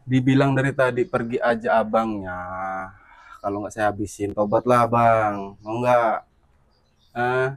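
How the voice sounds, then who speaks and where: Teasing, calm man in a skit. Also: medium pitch, a little slow. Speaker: skit lead and channel host. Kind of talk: amateur skit acting.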